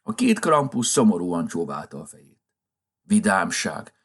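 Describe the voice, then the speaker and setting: A man narrating a children's story in an expressive, lilting manner. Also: low-pitched, husky.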